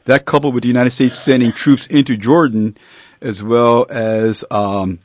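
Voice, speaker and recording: A man's voice: medium pitch, a little slow, no room sound. Hesitant male radio host, dull sound. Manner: relaxed, hesitant, many fillers. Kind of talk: live radio hosting.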